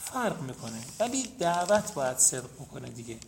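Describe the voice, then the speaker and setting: A man's voice: mid-range voice, big pitch swings, gravelly, slight background noise. A man teaching a seminary class on hadith, reciting Arabic narrator chains and explaining them step by step to his students. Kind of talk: hadith lesson.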